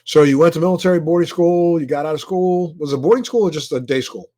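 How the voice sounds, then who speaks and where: Eager podcast host, slightly high man. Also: fast talker, warm tone. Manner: eager, piles up repeated questions. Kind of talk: casual interview.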